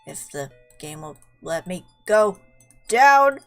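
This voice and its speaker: A woman's voice: on the low side, lively intonation, slow pace, fairly bright tone. A woman hosting a video game playthrough with casual, chatty commentary, playfully talking back to the game. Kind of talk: casual let's play commentary. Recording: game music behind the voice. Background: video game music.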